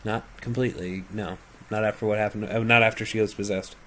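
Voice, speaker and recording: A man's voice: lowish voice, steady tone, fast, sharp tone. Guy running a tabletop game online, lots of uh's, faint hiss behind. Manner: hesitant, many uh fillers, explaining lore. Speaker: game master. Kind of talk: narrating a tabletop game over a call.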